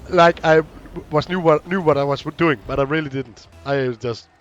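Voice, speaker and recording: A man's voice: on the high side, steady tone, normal speed, highs cut off. A young man streaming a game and chatting casually with friends, joking, swearing and laughing often. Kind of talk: casual gaming chat with friends. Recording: faint background noise.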